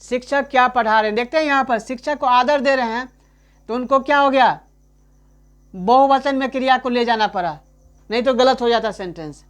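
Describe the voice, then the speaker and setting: High-voiced man teaching chattily. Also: a bit bright, smooth. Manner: keeps asking "right?" and calling the listener "my friend"; repeats example sentences slowly for emphasis. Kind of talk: chatty online grammar lesson.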